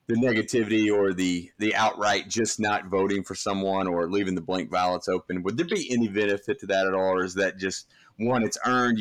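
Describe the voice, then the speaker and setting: A man's voice: on the low side, dry recording. A man co-hosting a casual podcast, asking long, rambling questions. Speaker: podcast co-host.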